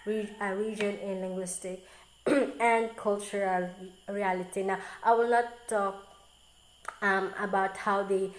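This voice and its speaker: Woman student, slow-paced halting slide reading, echoey room. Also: medium pitch. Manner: halting, careful reading with frequent restarts on hard words. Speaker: student presenter. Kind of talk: reading a recorded class presentation.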